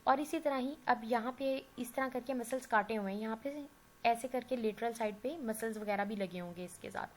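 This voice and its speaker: A woman with a sore throat and a fairly high voice lectures on anatomy at a moderate pace, checking in with "theek hai" as she patiently explains. She mixes in English medical terms. The classroom recording is rough, with faint noise in the background.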